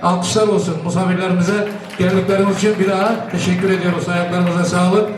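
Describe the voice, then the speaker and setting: A man's voice: high voice, flat delivery, quick pace. A man who is a native Turkmen speaker, hosting a wedding party and announcing to the guests. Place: wedding celebration venue. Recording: echoey party hall, far-off, crowd noise. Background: crowd of guests.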